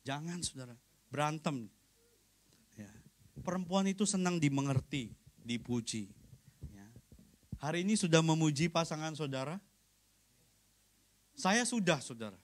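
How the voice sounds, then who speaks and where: A pastor delivers a relaxed, chatty sermon in a noticeably high voice. He talks straight to the congregation, jokes with them, and briefly acts out everyday exchanges to make his points. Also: unhurried, long pauses. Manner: conversational, joking, keeps addressing the congregation.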